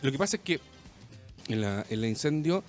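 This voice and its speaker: A Chilean man telling a friend a story in a casual chat, full of slang, restarts and halting bursts. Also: mid-range voice, big pitch swings, soft background music. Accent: Chilean Spanish.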